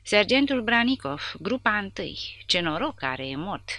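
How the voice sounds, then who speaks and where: A woman's voice: sits low, lively intonation, gravelly, fairly bright tone, no echo, full character voice. A woman voicing a frightened captured male officer who answers in a nervous, pleading way. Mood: scared.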